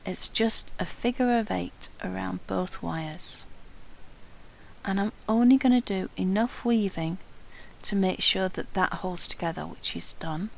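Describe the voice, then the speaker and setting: Gravelly-voiced woman teaching a craft. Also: mid-range voice, unhurried, rough recording. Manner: calm, careful, talks while working with hands. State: has hiccups. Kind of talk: hands-on craft tutorial narration.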